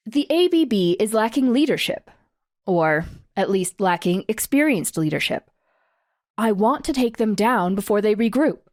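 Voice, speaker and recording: An audiobook voice actor plays a guarded, determined young mother with superpowers who stands up to her ex-husband. She speaks with restraint and firmness. Her natural, medium-pitched voice swings widely in pitch, with normal speed and a darkish tone, in studio-quality audio without room sound.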